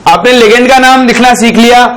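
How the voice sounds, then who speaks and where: A man teaching a chemistry lesson in a very high voice. He keeps asking his students a question and answering it himself. He dictates some phrases slowly, word by word, for them to copy down. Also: fairly bright tone, slight background noise, rough recording. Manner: dictates slowly while writing on a board; ends phrases with a checking "ठीक".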